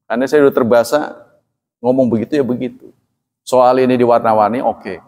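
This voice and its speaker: Speaking a little fast at a medium pitch, a preacher delivers a religious lecture to his congregation in a plain, even style, even calling himself flat-spoken. He frequently invites his listeners' agreement. The sound carries the long reverb of a hall.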